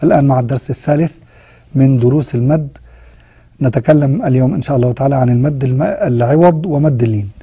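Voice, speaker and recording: Dry-voiced Egyptian tajweed teacher. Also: male voice, mid-range voice, warm tone, breathy edge, dry recording. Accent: Egyptian Arabic. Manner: switches between formal Arabic and colloquial asides, chants verse examples slowly. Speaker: Quran recitation teacher. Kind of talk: tajweed lesson with recited examples.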